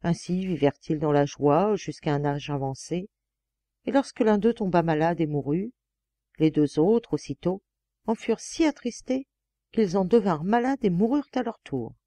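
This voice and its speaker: A woman narrating a classic fairy tale as an audiobook reader, with gentle, expressive storytelling on a close mic. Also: on the low side, moderate pace, no room sound.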